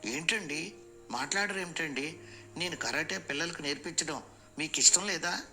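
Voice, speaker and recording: A man's voice: on the high side, moderate pace, sharp tone, soft background music. A man voicing a sweet but firm young bride. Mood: annoyed. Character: young bride, polite but fierce karate expert.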